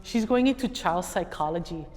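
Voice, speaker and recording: A middle-aged educator and guest speaker with a Hawaiian accent brings a story to life for an audience, taking on other people's voices. Her pitch is fairly low and her pace moderate. The sound carries an echoey hall quality with faint noise behind it.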